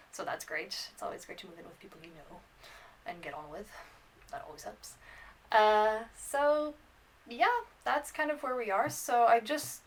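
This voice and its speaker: A student vlogger in her twenties, bilingual in French and English and from France and Ireland, chats casually and unscripted to camera in a mid-pitched voice. She rambles and hesitates, gently putting herself down. The mic sounds slightly far away.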